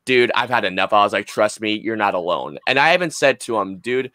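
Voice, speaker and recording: A podcast co-host in his twenties chats casually and tells stories in an emphatic, rambling, sweary way. His voice is lowish, animated and fairly quick, with a bright, forceful tone. He's close on a boom-arm desk mic in a small room at home, and there's no echo.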